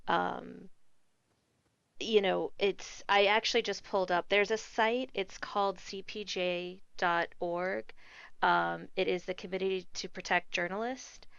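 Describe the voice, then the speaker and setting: A woman's voice: mid-range voice, steady tone, measured pace, creaky, a bit bright, clean tone, no room sound. A woman co-hosting a casual podcast discussion, talking earnestly and hesitantly with many ums and restarts. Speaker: podcast co-host. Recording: dull lo-fi podcast audio.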